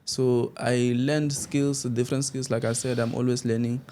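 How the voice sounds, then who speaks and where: A man's voice: medium pitch, little pitch movement, normal speed, mellow, slight background noise. A young South African man whose first language is Xitsonga, talking as an interview guest in a loose, rambling way full of restarts. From South Africa, Limpopo. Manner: rambling, frequent restarts and laughs. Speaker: guest, student media founder. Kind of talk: casual interview talk.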